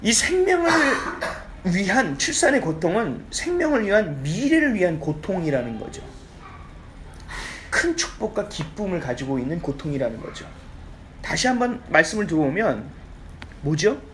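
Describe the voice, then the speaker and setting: Animated male pastor preaching. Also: high-pitched, normal speed, background noise. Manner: lively, keeps asking the congregation for agreement. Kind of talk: conversational sermon. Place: church sanctuary.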